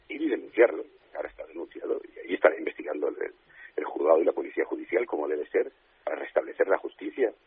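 Over a tinny phone connection, a Spanish man with a deep, slightly breathy voice speaks as a guest on a radio show. His tone is indignant and forceful, and he keeps saying the same things again.

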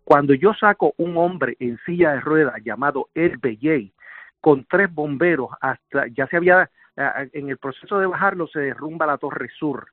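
A man's voice: on the high side, moderate pace, no room sound. A man giving an emotional first-person survivor's account in an intense, vivid way. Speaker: survivor interviewee. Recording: tinny phone line.

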